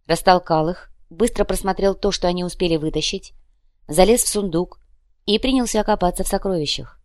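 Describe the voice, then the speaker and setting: A woman reading a tense audiobook in a measured way. Her voice sits low, and the recording is dry, with no room sound. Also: a little mellow, no echo. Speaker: audiobook narrator. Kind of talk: dramatic audiobook narration.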